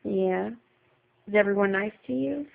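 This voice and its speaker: A woman's voice: medium pitch, a little slow, vocal fry, very noisy. A mother filming at home, coaxing and playful as she talks to her small children. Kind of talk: casual home video talk. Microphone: camera's built-in mic. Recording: dull lo-fi home video.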